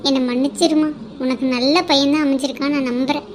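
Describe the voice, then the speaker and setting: A woman's voice: high-pitched, fairly even intonation, fast, a little hiss or hum, lightly acted. A woman voicing a grieving, apologetic mother-in-law in a cartoon drama, speaking in a pleading way. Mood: sorrowful. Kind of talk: cartoon voice acting.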